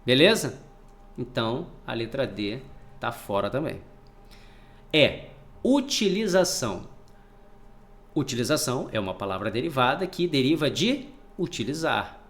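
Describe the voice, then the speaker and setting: A man's voice: mid-range voice, moderate pace. A man teaching a spelling lesson for exam prep, asking questions and then answering them himself. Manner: lively, asks and answers his own questions.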